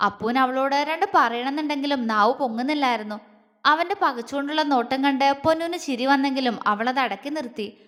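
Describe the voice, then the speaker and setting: Narrator: woman storyteller, high voice, expressive romance reading, long reverb. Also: brisk.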